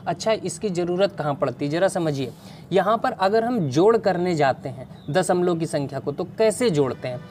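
A woman's voice: on the low side, lively intonation, moderate pace, a little mellow, slight background noise. A woman teaching an online math class, explaining step by step and asking questions to the students.

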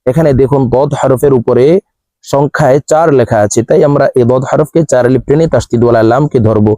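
A man teaching Quran recitation, spelling out each syllable and then chanting the words slowly and drawn out. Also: medium pitch, steady tone, mellow, dry recording. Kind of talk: letter-by-letter recitation lesson.

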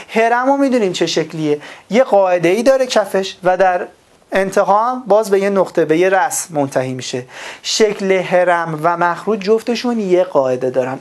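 A woman from Iran teaching a recorded math lesson, explaining patiently and asking the class questions before answering them herself. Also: medium pitch.

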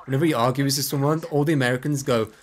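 A man's voice: medium pitch, fairly even intonation, rapid-fire. A man chatting easygoingly with a teammate during a game, calling out enemies and laughing often. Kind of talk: casual game chat with callouts.

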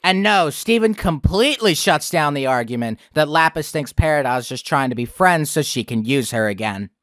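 A man's voice: a little high, expressive, normal speed, a bit bright, dry recording, clean studio sound. A young man hosting a review video, with sarcastic, profane ranting commentary. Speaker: video critic host.

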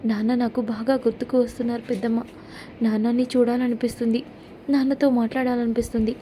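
A woman's voice: a little high, little pitch movement, fast talker, mellow, slight background noise, close to an everyday voice. A woman voicing a troubled young woman who hides a secret, speaking tensely and pleadingly in a serial recap. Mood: tearful.

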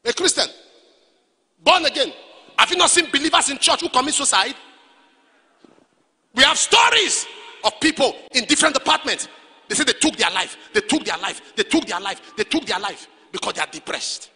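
High bright-voiced preacher shouting. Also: male voice, lively intonation, a little fast, slightly rough. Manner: preaching with sudden shouted peaks and low asides. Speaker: pastor. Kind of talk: sermon. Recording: echoey hall with long reverb.

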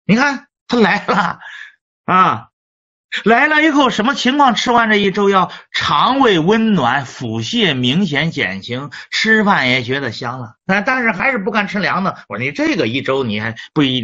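A middle-aged man, a Chinese medicine teacher, tells a clinic story during a lecture, often repeating words and starting over. His voice sits high and sounds sharp and very animated at a moderate pace. The recording is dull and lo-fi.

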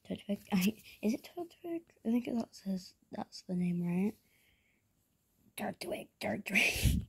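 A young woman with a mellow, husky, medium-pitched voice vlogs casually from her bedroom at night. She shows plush toys to a handheld camera, rambling with lots of fillers and sometimes slipping into a whisper.

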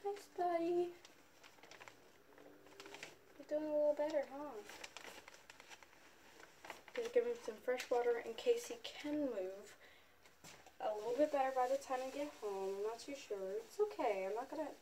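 Filmed on a phone at arm's length or propped close by, this pet vlog shows a young teenage girl chatting casually and tenderly in her home living room and bedroom. Her high, mellow female voice keeps a moderate pace with frequent pauses. She vlogs and rescues animals as an amateur, and the recording is noisy.

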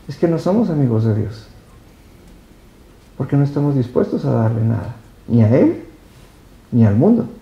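A Mexican pastor with a high, mellow voice preaches emphatically, repeating words as he speaks straight to his congregation. His voice rings through an echoey hall where the service is held. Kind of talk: sermon.

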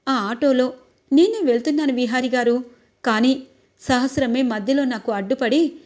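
A humble young wife with a polite, gentle way of speaking, as a woman storyteller puts her on. The voice is fairly high and close to the storyteller's own. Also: moderate pace, natural voice.

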